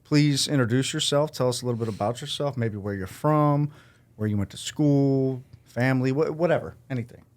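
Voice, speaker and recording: A man hosting a podcast, relaxed and upbeat, talking in a casual, slangy way with his guest. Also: mid-range voice, brisk. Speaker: podcast host. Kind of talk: casual interview chat.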